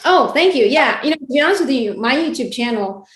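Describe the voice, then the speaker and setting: A woman's voice: high voice, expressive, brisk, a bit bright. A woman chatting casually as an interview guest, giggly and often saying "like" and "you know". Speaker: guest, wrestling ring announcer and reporter. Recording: roomy, echoey sound.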